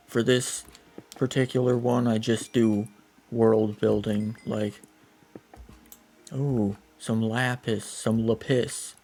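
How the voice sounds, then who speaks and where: Slow, rambling young man gaming. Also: mid-range voice, a little mellow. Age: 20s. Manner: rambling, self-deprecating, talks while playing. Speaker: gaming YouTuber. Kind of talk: casual gameplay commentary.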